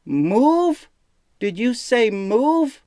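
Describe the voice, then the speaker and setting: A man narrating an audiobook, voicing a defiant, hot-headed young prince who shouts in a raised, strained voice. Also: very high voice, sing-song, extremely slow, clean tone, no echo, voice pushed up, exaggerated voice. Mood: furious shouting. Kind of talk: audiobook character voice.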